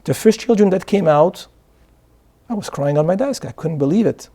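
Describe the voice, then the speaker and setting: A man's voice: high voice, lively intonation, moderate pace, warm tone. A man from Morocco, a guest answering interview questions in an earnest way, often repeating words as he starts sentences. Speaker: guest, charity founder. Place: studio.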